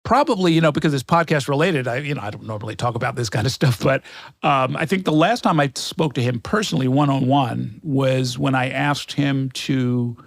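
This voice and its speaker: A man hosting a television sit-down interview, chatting in a halting, conversational way full of fillers. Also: mid-range voice, creaky, dry recording. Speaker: interviewer, show host.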